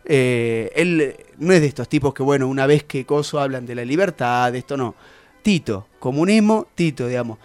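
A man's voice: medium pitch, animated, normal speed, a little mellow, dry recording, faint music behind. Rambling radio host, man. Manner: rambling, explanatory, many "eh" fillers. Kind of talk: casual radio chat about music.

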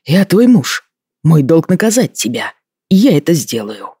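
A man reading a stern young husband, even-toned. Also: on the high side, moderate pace, husky, no room sound, studio quality, heavily acted.

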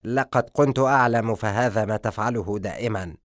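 A man's voice: lowish voice, brisk, dry recording, studio quality, lightly acted. A man voicing a mocking young boy. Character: teasing young boy friend.

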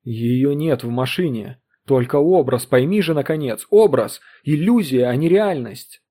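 A man voicing a bitter older historian in an audiobook reading, speaking slowly and cuttingly with harsh contempt. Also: lively intonation, mellow. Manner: low, slow, cutting, then furious.

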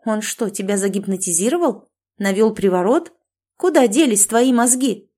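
A woman's voice: mid-range voice, animated, moderate pace, warm tone, close to an everyday voice. A woman voicing a domineering, self-certain female friend who lectures and commands in a sarcastic tone, in an audiobook. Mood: indignant. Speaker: language teacher.

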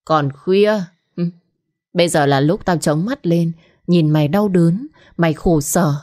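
Scornful low-voiced woman. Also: measured pace, warm tone. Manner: scornful, cutting, biting retorts. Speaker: audiobook narrator. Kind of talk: dramatic story reading.

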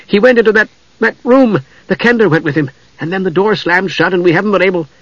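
A man puts on a scared young woman with a high, shaky voice. She calls out in fear and pleads. The recording is dry and slightly muffled. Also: flat delivery, very fast, a little mellow, dry recording. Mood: fearful.

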